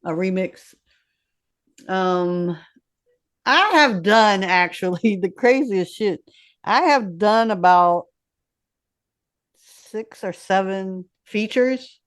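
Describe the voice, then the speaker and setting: A recording artist in her fifties, appearing as a guest in a casual interview, talks bluntly and candidly with plenty of swearing, in a streetwise, animated manner. Her voice is mid-range, and she speaks slowly with long pauses.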